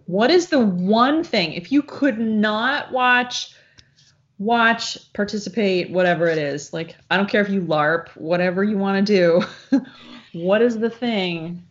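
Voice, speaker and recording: A woman's voice: medium pitch, measured pace. A woman hosting a casual group chat, telling stories with lots of laughter and the odd swear. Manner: animated, laughing storyteller who swears casually. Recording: dull lo-fi recording.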